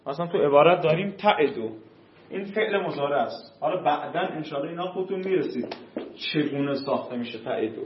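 A man teaching a grammar class. He reads a rule aloud, then explains it in casual speech and puts questions to his students. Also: high voice. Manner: asks the class questions and answers them. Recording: echoey room, dull lo-fi sound.

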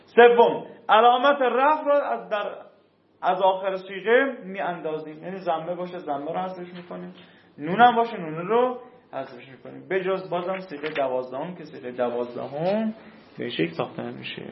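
A high-voiced man leads a classroom grammar lesson. He reads out the rules and then unpacks them in everyday speech, often asking questions and answering them himself. The sound is echoey and muffled. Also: vocal fry. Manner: reads a rule, then explains it in casual speech. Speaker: teacher. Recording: echoey room, dull lo-fi sound.

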